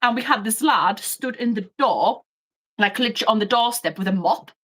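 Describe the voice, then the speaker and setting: A woman, a former prison officer, tells workplace stories in a blunt, animated way and swears freely. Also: on the high side, fairly quick. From United Kingdom. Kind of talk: casual storytelling chat.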